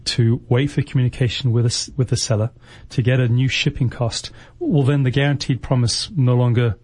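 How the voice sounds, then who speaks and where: Husky-voiced male expert guest, dry sound. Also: medium pitch, fairly even intonation, darkish tone, no echo. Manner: explanatory, a little halting. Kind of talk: radio interview.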